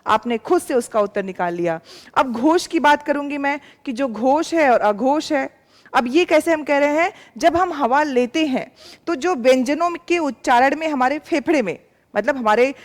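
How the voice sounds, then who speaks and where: A woman teacher giving a patient classroom lecture, sounding out letters slowly and calling her students "beta". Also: sits high, in a large hall.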